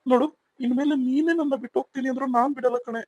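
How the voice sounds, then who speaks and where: A woman's voice: sits high, steady tone, rapid-fire, a little mellow, dull audio. A woman voicing a young husband in a cartoon who anxiously pleads with his wife in the hospital. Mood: tender. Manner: pleading, urgent. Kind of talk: cartoon voice acting.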